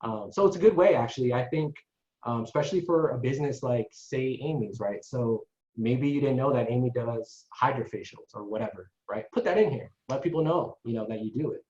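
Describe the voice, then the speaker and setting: Over a dull, echoey, lo-fi online call, a man with a medium-pitched, darkish voice presents a relaxed marketing webinar to salon owners at a brisk pace. As a consultant, he chats freely, tags his lines with "right?", and keeps checking in with his audience.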